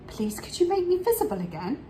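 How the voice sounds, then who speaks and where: Female reader as young storybook possum grandchild: sweet, polite, earnest, highish, lively intonation. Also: fairly quick, slight background noise. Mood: earnest request. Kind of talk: storybook character voice.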